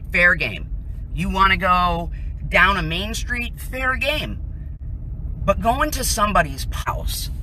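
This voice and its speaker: An American woman with a lowish, sharp-toned voice films a protest from inside a vehicle on a residential street, delivering emphatic, indignant live commentary. She leans on rhetorical questions and pointed remarks. The recording is rough, with a slight hiss or hum.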